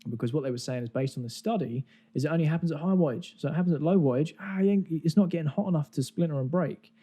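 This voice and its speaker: A man's voice: a little high, fast talker, warm tone, breathy edge. A man hosting a podcast, explaining things in a casual, chatty way. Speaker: podcast host.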